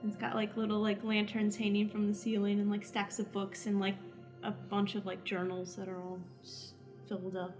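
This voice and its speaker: A woman's voice: medium pitch, completely flat delivery, normal speed. A woman playing a tabletop role-playing game, chatting casually and improvising in character. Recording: music playing under the voice. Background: background music.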